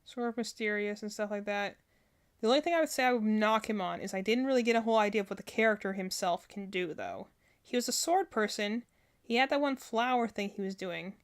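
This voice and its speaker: A woman streamer with a mid-range, clear, resonant voice talks fairly quickly while reacting to game character trailers. She chats casually and thinks aloud, offering rambling, opinionated reactions.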